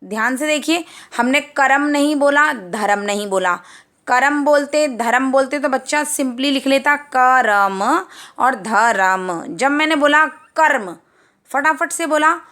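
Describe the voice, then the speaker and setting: A high-voiced woman teaches grammar to young children at a slow, unhurried pace. She explains patiently and says each example word again and again, drawing the sounds out so they can be heard clearly. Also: lively intonation, fairly bright tone. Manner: patient, repeats words slowly for children. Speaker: Hindi teacher.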